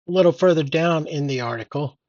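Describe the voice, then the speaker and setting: A man's voice: on the high side, fairly quick, darkish tone, dry recording. Older man ranting, dull dry recording. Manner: indignant, sardonic old-man rant. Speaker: commentator reading and critiquing a news article. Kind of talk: opinionated read-aloud news commentary.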